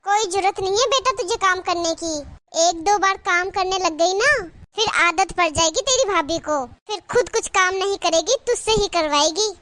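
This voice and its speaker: A woman's voice: very high-pitched, normal speed, a bit bright. A woman voicing a nagging cartoon mother-in-law. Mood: bossy. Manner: nagging, taunting. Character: scolding middle-aged village mother-in-law. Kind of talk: cartoon voice acting.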